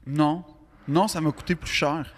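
A man's voice: a little high, steady tone, measured pace, long reverb tail, noisy background. A man with a Quebec French accent, a podcast guest telling a long anecdote in a rambling way with many restarts. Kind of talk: casual storytelling.

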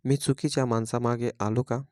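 Troubled young everyman in an audio story, pleading and torn, dark tone, read by a man. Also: mid-range voice, steady tone, moderate pace, no room sound, clean studio sound, natural voice. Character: anxious young man questioning injustice.

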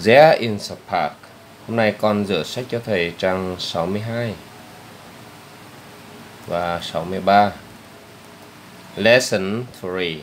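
A man teaching an English lesson to young children, patiently repeating each word slowly for the pupil to copy. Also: lowish voice, fairly bright tone, slight background noise. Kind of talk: step-by-step spoken lesson for children.

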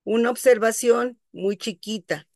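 Slow, patient woman teaching pronunciation. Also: a little high, dry recording, studio quality. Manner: patient, explanatory, checks understanding. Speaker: English teacher. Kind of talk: explaining pronunciation to students.

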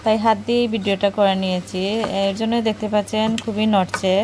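This home cooking vlogger, a woman with a Bangladeshi accent, talks fast in a medium-pitched, steady voice during her casual voice-over. Clear background noise comes through, as it was recorded at home.

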